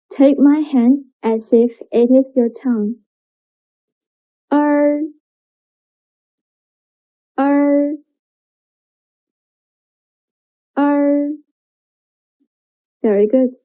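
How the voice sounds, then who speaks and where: A woman teaching pronunciation in a slow, clearly enunciated lesson, modelling sounds patiently for learners to repeat. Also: sits high. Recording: dull lo-fi recording.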